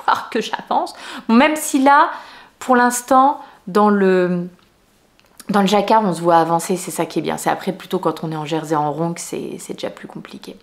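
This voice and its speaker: Chatty woman rambling about knitting. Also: medium pitch. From France. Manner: chatty, rambling, many fillers and restarts. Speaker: knitting podcast host. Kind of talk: casual chat.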